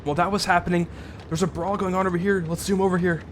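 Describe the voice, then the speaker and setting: A man's voice: high voice, level tone, fast talker, background noise. A young man giving casual, rambling play-by-play commentary on a tank game match, often correcting himself. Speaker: caster.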